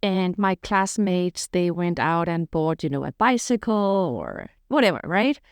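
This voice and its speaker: Telling candid stories about her past as a podcast guest, this middle-aged woman from Denmark is open, frank, and lively, often saying "you know." Her lowish voice is clear and resonant, a little slow, with no echo.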